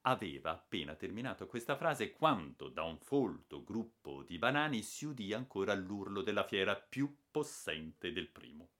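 A man narrates an adventure novel in a dramatic audiobook reading. His voice sits fairly low and moves with lively intonation. He reads in an expressive, storytelling manner. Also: moderate pace, hardly any pauses.

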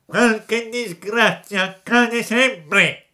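A man voicing a big grumpy male crab with a gruff, stuffy trombone-like voice, scolding loudly and slowly in a storybook reading. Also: high voice, voice pushed up, heavily acted. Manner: loud, slow preaching scolding.

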